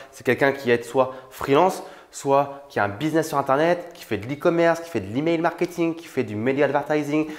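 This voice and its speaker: A young man from France talking casually to the camera as a YouTuber, informal and familiar with the viewer, with frequent fillers. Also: mid-range voice. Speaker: YouTuber on money and online business. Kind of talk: casual direct-to-camera talk.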